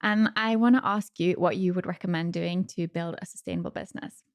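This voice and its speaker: A woman hosting a podcast interview, asking questions and responding in a friendly, soft-spoken way. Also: on the low side, steady tone, a little fast, clear, resonant tone, no echo. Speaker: podcast host. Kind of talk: casual interview talk.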